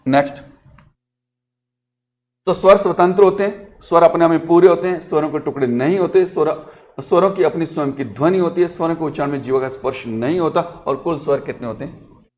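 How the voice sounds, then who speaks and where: A man's voice: fairly high pitch, a little fast, darkish tone. A male teacher giving a classroom grammar lesson, patiently explaining and asking students questions that he then answers himself.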